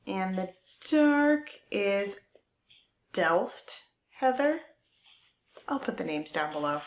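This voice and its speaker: A woman hosting a knitting podcast, chatting casually and eagerly as she shows her things, with fillers and trailing thoughts. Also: mid-range voice. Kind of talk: casual show-and-tell chat. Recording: roomy echo.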